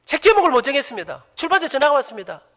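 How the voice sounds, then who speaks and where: A man's voice: very high voice, sing-song, rapid-fire, bright, forceful tone. A middle-aged man, a church elder, giving a humorous, emphatic testimony to a congregation in a church sanctuary. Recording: echoey church hall.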